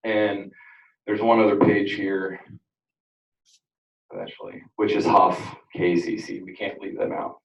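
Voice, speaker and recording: This energy audit presenter speaks at a school district board meeting with a very low, gravelly voice he describes as very loud, his delivery flat and measured, broken by long pauses. He rambles loosely, with many fillers and restarts. The sound is lo-fi and echoey, picked up by a distant room mic.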